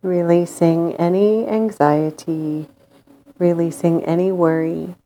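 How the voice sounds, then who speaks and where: A woman leading a guided meditation in a calm, gentle, soothing manner with long pauses. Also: lowish voice.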